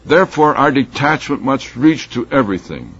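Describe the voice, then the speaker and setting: A preacher with a medium-pitched, expressive, slightly bright and slightly rough voice delivers a sermon at normal speed, explaining scripture and reading passages aloud with rising force. He's emphatic, with fillers and restarts, captured on a dull lo-fi recording.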